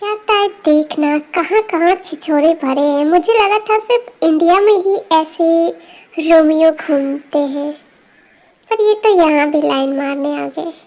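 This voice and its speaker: A woman's voice: high voice, a little slow, darkish tone. A woman voicing a chatty, boy-crazy young woman who gossips and giggles in an amateur dub. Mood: gossipy. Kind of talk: amateur voice dubbing.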